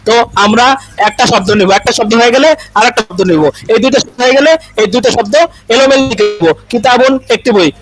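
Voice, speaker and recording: High-voiced man drilling a class. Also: fairly quick, a bit bright, soft background music, poor audio. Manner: repetitive drilling, frequent "thik ache". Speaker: Arabic teacher. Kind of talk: online class instruction. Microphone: video call.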